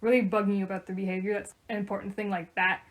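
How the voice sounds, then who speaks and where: Teen girl podcast co-host, rapid delivery, advice-giving, mid-pitched voice. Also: little pitch movement. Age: teens. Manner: quick, advice-giving, finishes her co-host's points. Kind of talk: casual podcast chat.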